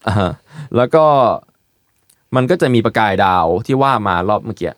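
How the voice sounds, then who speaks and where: Man, casual podcast host, relaxed explainer, lots of fillers, dry close mic. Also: lowish voice, normal speed, no echo. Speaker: podcast host presenting eyewear.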